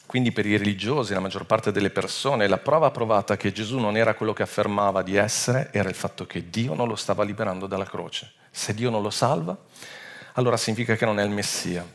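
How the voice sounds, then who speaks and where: Lowish-voiced Italian preacher teaching a sermon. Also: male voice, brisk. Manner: expressive, rises to loud emphatic peaks then drops low and quiet; self-correcting, restarts words mid-phrase.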